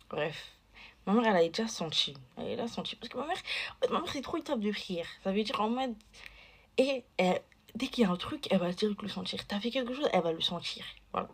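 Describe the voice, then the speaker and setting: A woman's voice: medium pitch, husky. A woman telling a casual story to camera, chatty and digressive, full of fillers and asides.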